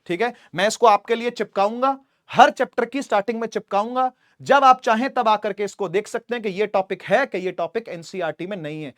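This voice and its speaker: A man's voice: very high-pitched, a bit bright, dry recording, clean studio sound. A man teaching a physics class online, chatty and repetitive, often checking that students follow. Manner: chatty, addresses students as beta, repeats "theek hai".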